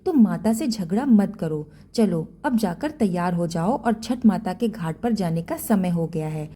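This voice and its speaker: A gentle young husband who keeps the peace at home, voiced by a woman narrator in a slightly lower tone. He coaxes and soothes in a warm, mellow voice. The telling is storybook style. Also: animated, unhurried, breathy edge. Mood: soothing. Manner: coaxing, soothing.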